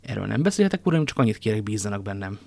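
A man's voice: fairly low pitch, big pitch swings, vocal fry, darkish tone, no echo, full character voice. A man plays a young, determined guardsman who leads his friends. He talks firmly and earnestly. The storybook recording is dry and close. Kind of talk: audiobook character reading.

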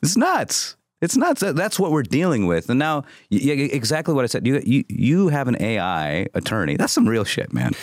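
Man, casual podcast talk, joking and excitable, dry close sound, wildly varied pitch. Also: dry recording. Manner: excitable, joking, many quick agreements and restarts.

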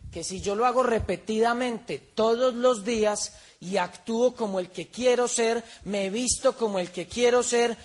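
Guy with a high voice pumping up a seminar crowd, lots of questions back at them. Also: normal speed, hardly any pauses. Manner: rhetorical questions to the audience, emphatic. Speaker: seminar speaker. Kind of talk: motivational seminar talk.

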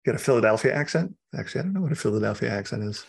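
A man's voice: mid-range voice, animated, very fast, creaky, husky. A man, an author guest, chatting casually through a film commentary, laughing often and restarting his sentences.

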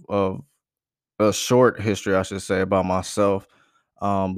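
A man in his thirties from Ohio, USA, hosts his own podcast in a relaxed, candid solo monologue that rambles and is full of "um"s. His voice sits somewhat low, smooth and resonant. The sound is close and dry, with no echo or room around it.

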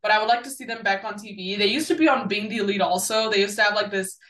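A woman's voice: mid-range voice, fast, fairly bright tone. Young woman, nasal from a cold, casual fan chat, informal, roomy echo, off-mic. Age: young adult. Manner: chatty, informal, swears casually. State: sick with a cold, sniffly. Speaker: podcast host. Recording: echoey room, distant from mic.

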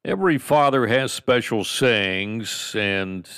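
A man in the host's chair of his own radio program, narrating a scripted segment. His voice climbs and dips with real animation, steady in its storytelling pace. The recording is dry, with no room sound around him. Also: medium pitch, slow pace, smooth, no room sound. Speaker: radio show host.

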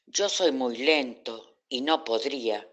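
A storyteller voicing a small, timid snail in a children's storybook, speaking softly and gently. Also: medium pitch, slow, highs cut off. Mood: gentle. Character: small timid snail who hides in his shell.

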